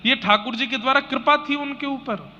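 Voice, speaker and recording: High, bright devotional storyteller man. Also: moderate pace. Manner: animated, emphatic, repeats phrases. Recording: slightly dull audio with faint noise.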